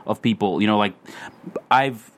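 A man's voice: lowish voice, moderate pace. A man, an actor guest, chatting casually and rambling with lots of "like" and "you know". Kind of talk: casual chat.

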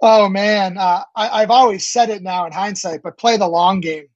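A man's voice: high voice, steady tone, moderate pace, no room sound, lo-fi sound. A man in his late thirties, a startup founder answering interview questions eagerly, with many fillers and restarts. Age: 30s.

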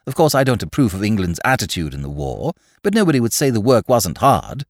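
A man voicing an eager, gushing young woman activist in a storybook reading, high and breathless. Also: wildly swooping pitch, brisk, no room sound, studio quality.

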